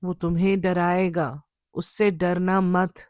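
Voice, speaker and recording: A woman's voice: fairly low pitch, little pitch movement, darkish tone, no echo, clean studio sound, close to an everyday voice. A woman voicing a grave old holy man. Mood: solemn. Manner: slow, reassuring, solemn. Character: older male religious healer, calm and grave.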